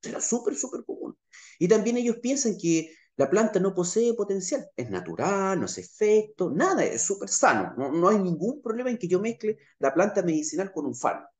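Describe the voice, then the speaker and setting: A man's voice: sits high, very animated, normal speed, darkish tone. A middle-aged Chilean man giving an online talk over slides as a naturopath, explaining step by step and checking in with his listeners. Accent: Chilean Spanish. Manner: gestures with his hands while talking. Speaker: naturopath lecturer. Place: small indoor room, plain wall behind. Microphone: webcam on a video call. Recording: echoey room on a webcam.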